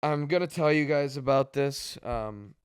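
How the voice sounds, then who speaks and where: A man making a heartfelt appeal for a charity he runs, talking haltingly with sighs and pauses, his voice catching with emotion. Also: mid-range voice, clean tone, no room sound, clean studio sound. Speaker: charity organizer. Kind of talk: heartfelt direct-to-camera appeal.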